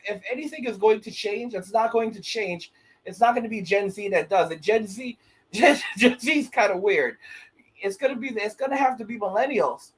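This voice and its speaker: A man's voice: sits high, husky. A man in his late thirties hosting his own channel, giving casual rambling commentary and often restarting his phrases. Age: 30s. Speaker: channel host.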